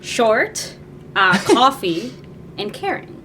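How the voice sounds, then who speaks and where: A young woman from Peru, a student editor-in-chief, answering interview questions in a friendly, soft-spoken way with some uhs. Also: a little high, big pitch swings, slow pace, slight background noise. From Lima, Peru. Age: young adult.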